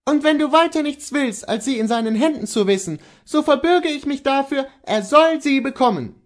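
A man doing a shrill, frightened young wife. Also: expressive, moderate pace. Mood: resolute. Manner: shrill, high, breaking with alarm.

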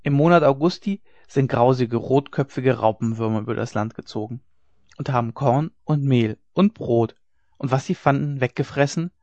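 A man voicing an excited young farm maid who breathlessly tells eerie rumours to the other servants. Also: medium pitch, moderate pace, no room sound, dull audio, natural voice. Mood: agitated. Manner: breathless, hushed when telling secrets.

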